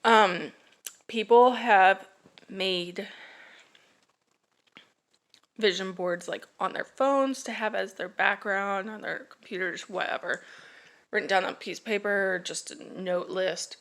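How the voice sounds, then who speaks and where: A woman's voice: medium pitch, a bit bright. A woman in her thirties chatting casually to camera for her family vlog, rambling with restarts, sighs and yawns. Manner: rambling, halting, yawning, with sighs and laughs. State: drowsy. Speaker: family vlogger.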